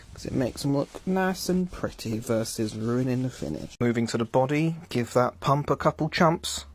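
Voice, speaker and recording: A man narrating a casual guitar repair tutorial in a jokey, playful way, with the odd swear. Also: mid-range voice.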